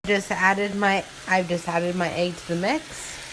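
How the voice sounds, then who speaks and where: A woman with a lowish voice speaks in a level tone, a little slow, presenting a recipe as a home cook in a casual, step-by-step home-vlog narration. The home kitchen recording is noisy with food frying and sizzling.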